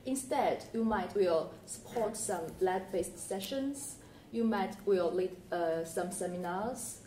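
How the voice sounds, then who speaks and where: A woman's voice: mid-range voice, slow, dark tone, slight background noise. Woman heard from afar in echo. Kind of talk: panel discussion answers. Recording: distant mic in echoey room.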